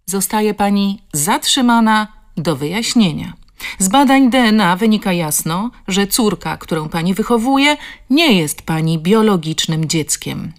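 A woman's voice: medium pitch, animated, measured pace, voice pushed up. Audiobook cop, a man, firm and by-the-book, official tone; woman narrator playing him. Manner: formal, firm.

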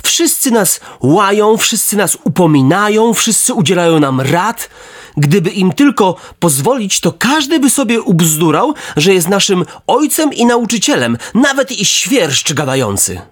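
A man voicing a naughty, self-pitying wooden puppet boy in a storybook reading, in a high boyish voice. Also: big pitch swings, unhurried, slightly rough, heavily acted. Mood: indignant.

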